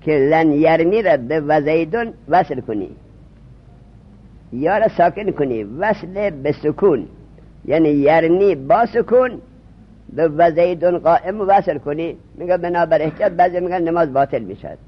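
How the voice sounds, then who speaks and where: Husky-voiced man teaching a class. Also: on the high side, lively intonation. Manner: repeats terms, quizzes students with questions. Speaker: religious studies teacher. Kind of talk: classroom lesson. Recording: dull lo-fi recording.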